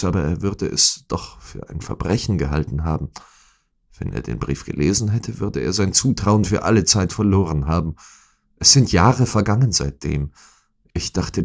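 A man voicing a distraught young noblewoman who pleads for help, in an audiobook reading. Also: low-pitched. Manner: pleading, breathless, emotional.

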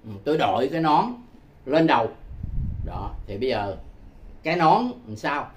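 A man giving a casual spoken language lesson, repeating phrases slowly and patiently and chuckling often. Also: mid-range voice, lively intonation, slight background noise. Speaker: English teacher.

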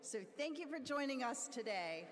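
A middle-aged woman speaks at a podium mic in a large convention hall, upbeat and a little higher-pitched. Her voice rings with long hall reverb, and faint crowd noise sits behind it. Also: very animated, normal speed. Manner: upbeat, laughs between instructions. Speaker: convention presenter. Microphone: podium microphone.

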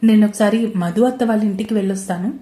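A woman's voice: mid-range voice, quick pace, dark tone, natural voice. A woman voicing a caring, troubled young man who speaks earnestly, in a roomy-sounding recording. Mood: gentle. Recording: roomy echo.

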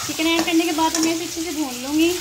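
High-voiced woman narrating a recipe. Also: quick pace. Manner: calm, methodical, walks through each step. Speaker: cooking channel host. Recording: echoey kitchen with background noise.

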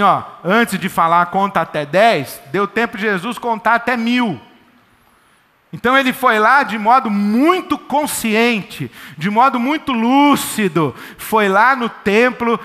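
A man preaching a sermon in a church, lively, conversational and joking. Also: high-pitched. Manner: lively, conversational, jokey storytelling. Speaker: pastor. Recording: echoey church hall.

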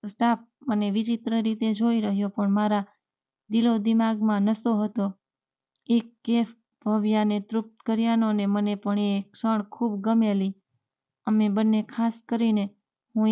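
A woman narrating a scripted first-person story in a steady, even reading voice. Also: a little high. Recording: dull lo-fi recording.

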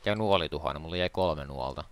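Deep-voiced joking let's play host. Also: male voice. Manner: joking, sarcastic banter. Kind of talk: casual gaming chat.

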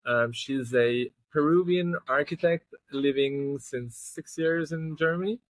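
A man's voice: fairly high pitch, a little slow, no echo, rough recording. A man in his thirties hosting a podcast over a video call, speaking hesitantly with many fillers and rephrasings, indoors at a laptop mic. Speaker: podcast host. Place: indoor room with tapestry.

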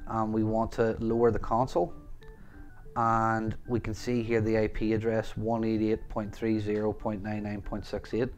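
A man with a Northern Irish accent walks viewers through a setup tutorial one step at a time, leaning on the same casual phrases over and over. His voice sits fairly low and his delivery stays easy and conversational. Faint music plays quietly underneath. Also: monotone, moderate pace. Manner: step-by-step, repeats "gonna wanna". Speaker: tutorial host. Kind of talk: screen-recorded tech tutorial narration.

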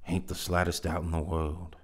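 Terse, dry-humored backwoods man with a deep voice, read by a man. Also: little pitch movement, normal speed, husky. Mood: agreeing. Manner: terse folksy drawl, dry understatement. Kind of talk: dramatic reading.

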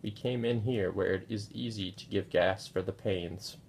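A man voicing a calm, matter-of-fact hospital doctor in a low, gravelly voice. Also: moderate pace, a little hiss or hum. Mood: reassuring.

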